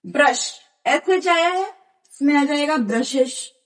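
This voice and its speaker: High-voiced woman teaching grammar, patient. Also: animated, fairly bright tone. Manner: patient, repetitive explaining with slow spelled-out examples. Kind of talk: classroom grammar lesson.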